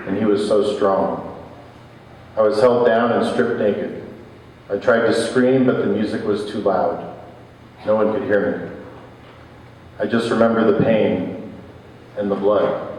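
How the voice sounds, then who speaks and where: A man reading a first-person story aloud at a live event, in a somber, measured way. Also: lowish voice, a little mellow. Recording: echoey hall, distant mic, faint hum.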